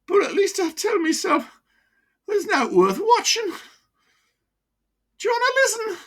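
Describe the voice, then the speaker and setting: A woman performs an exaggerated voice pitched far above her own, extremely high with big pitch swings, unhurried and fairly bright. She plays an old, wheezing, breathless ex-miner from Sunderland with a broad local dialect, cackling through blunt gallows humour in a rueful, grimly jokey mood.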